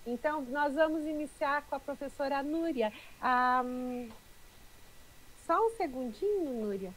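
A woman's voice: sits high, unhurried, poor audio. A middle-aged woman with a Brazilian accent, hosting a video call on earbuds, introducing a speaker and reading aloud. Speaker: event host. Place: indoor room. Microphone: wired earbuds on a video call.

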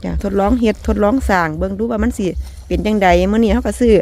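A woman's voice: medium pitch, fairly even intonation, fast talker. Chatty Isan woman vlogger outdoors. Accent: Isan (Northeastern Thai). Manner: chatty, folksy, ends phrases with soft polite particles, laughs often. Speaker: vlog host. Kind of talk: casual chat to viewers. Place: rural home garden, outdoors.

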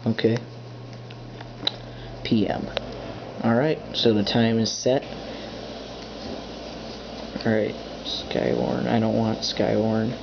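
A man with a fairly low, creaky voice talks to himself slowly and flatly, pausing often, while setting up a device at his desk indoors. He's a hobbyist pressing buttons as he goes, and the camera audio is dull, lo-fi and faintly humming.

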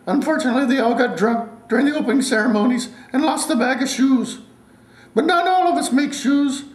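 A man voicing a cranky, boozy Irish leprechaun with a gruff, cheeky manner. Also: very high voice, fairly quick, echoey room, pitched above the performer's own voice.

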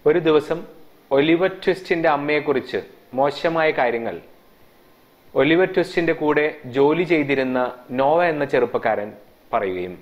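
A man with a Malayali accent, teaching English by translating a story line by line and explaining the grammar. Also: a little high. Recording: dull lo-fi sound.

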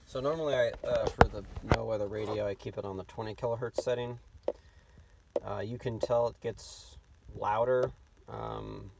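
A man's voice: fairly low pitch, fairly even intonation, normal speed, gravelly. A man giving an informal, hesitant, off-the-cuff hands-on radio demonstration. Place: inside a car. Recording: noisy, distant mic, clicks. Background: radio broadcast, clicks, noise.

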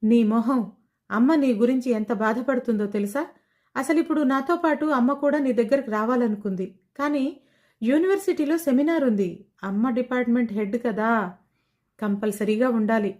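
A woman's voice: fairly high pitch, moderate pace, close to an everyday voice. A woman storyteller voicing a bold young woman who scolds her friend and then urges her to be brave. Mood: scolding. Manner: scolding, forceful, encouraging.

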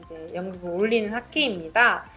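A woman's voice: medium pitch, fairly quick, sharp tone, soft background music. A young woman, a student presenter, speaking in a polite, scripted presentation style. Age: young adult.

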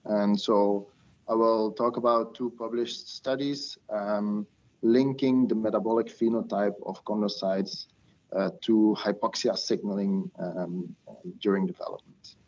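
A man's voice: lowish voice, steady tone, a little slow, a little mellow. A man in his thirties giving an academic webinar lecture over a video call, heard through a screen recording, talking with many hesitant fillers and restarts. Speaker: invited research speaker. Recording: dull lo-fi video-call audio.

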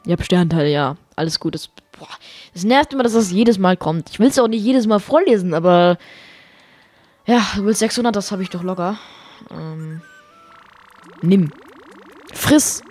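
A woman giving excitable, chatty gameplay commentary as a let's play host, swearing and dropping English exclamations, her voice getting strained. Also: lowish voice, normal speed, long pauses. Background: faint game music.

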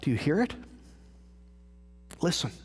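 A man preaching a sermon as pastor, asking rhetorical questions and repeating phrases for emphasis. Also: unhurried. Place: large church sanctuary. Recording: live church broadcast with long hall reverb.

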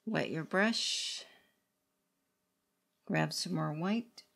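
Woman, painting instructor, lowish pitch, gravelly fry, slow delivery, short instructional phrases. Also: fairly bright tone. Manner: sparse short phrases while working. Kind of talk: unscripted step-by-step art tutorial. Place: indoor studio room at a worktable.

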